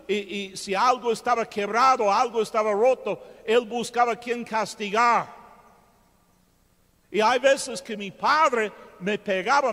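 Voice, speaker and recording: Male pastor, high voice, slow emphatic sermon delivery, long hall reverb. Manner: emphatic preaching with sharp swings in loudness. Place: church hall.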